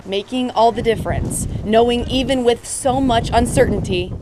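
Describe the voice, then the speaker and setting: A woman's voice: on the high side, normal speed, noisy background. An American woman, a television reporter, reading scripted news narration.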